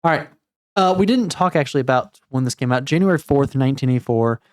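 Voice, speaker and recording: A man's voice: mid-range voice, expressive, fast talker. A man in his thirties co-hosting a casual music review chat, laid-back and rambling with fillers. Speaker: podcast co-host.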